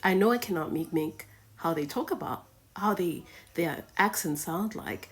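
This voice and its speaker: A woman's voice: fairly low pitch, animated, normal speed. A woman from Africa, giving frank, lecturing reaction commentary. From southern Africa. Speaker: reaction video host.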